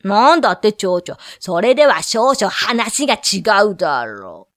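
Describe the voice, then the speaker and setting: A woman voicing a cocky, shady male piper who demands his pay in a rough, drawn-out way, in a told story. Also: medium pitch, wildly swooping pitch, no room sound, clean studio sound. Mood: mocking.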